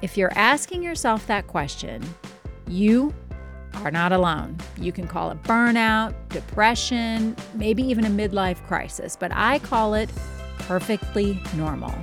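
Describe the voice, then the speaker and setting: A woman's voice: medium pitch, expressive, a little slow, soft background music. A woman in her thirties from Indiana, a podcast host and art teacher, talking in a chatty, self-deprecating way and often saying "like". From Indiana, United States. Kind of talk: casual podcast monologue.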